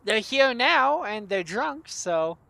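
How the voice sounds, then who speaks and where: A woman's voice: on the high side, big pitch swings, slow pace, creaky, sharp tone. A woman narrating as dungeon master, chatty and loose, with frequent laughs and fillers. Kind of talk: narrating a tabletop game.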